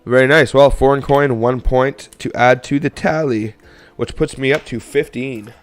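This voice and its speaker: A young man from Canada chats away to his livestream viewers while sorting through coins. His voice is smooth and clear, sitting at an ordinary middle pitch. He talks upbeat and rambling, with plenty of asides. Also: steady tone, moderate pace, faint music behind. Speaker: coin roll hunting livestream host. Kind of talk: casual live-stream chat while sorting coins.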